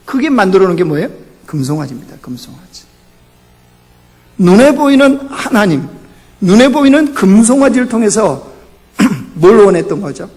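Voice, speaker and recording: Animated pastor preaching in a reverberant church. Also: male voice, a little fast. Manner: rhetorical questions, rising to emphatic peaks then dropping low. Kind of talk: sermon. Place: church sanctuary.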